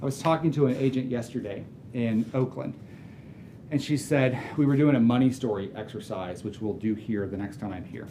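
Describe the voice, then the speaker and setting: A man's voice: medium pitch, normal speed, dark tone, a little hiss or hum. A man and author giving a conversational, earnest motivational talk to a room of agents, working through lists of ideas. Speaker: speaker and author.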